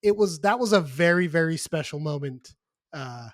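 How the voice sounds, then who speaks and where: A man's voice: a little high, lively intonation, normal speed, no echo, studio quality. A man co-hosting a podcast, talking in a casual, rambling and earnest way, full of "dude" and "like". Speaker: podcast co-host. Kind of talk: casual chat.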